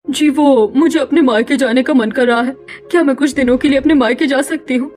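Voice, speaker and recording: A woman's voice: high voice, fairly quick, soft background music, lightly acted. A woman voicing a meek, pleading young wife. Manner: pleading, gentle. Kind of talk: cartoon story voice acting.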